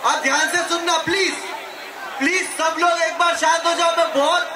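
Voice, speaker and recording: A young man on stage with a handheld mic, shouting a speech and reciting poetry to his fans. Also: extremely high pitch, fairly even intonation, moderate pace, background noise. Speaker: comedian addressing fans. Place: large indoor fan event on stage. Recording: echoey hall, loud crowd, from far off.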